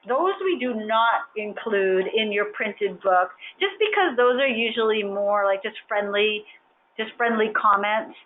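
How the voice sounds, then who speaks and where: A woman hosting a webinar Q&A over a video call, explaining at length in a friendly way. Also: a little high. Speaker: webinar host. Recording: phone-like band, faint hiss.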